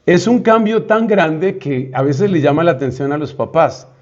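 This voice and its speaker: A man's voice: fairly high pitch, lively intonation, moderate pace. A man, a priest, giving a conversational, humorous retreat teaching. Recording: dull lo-fi sound.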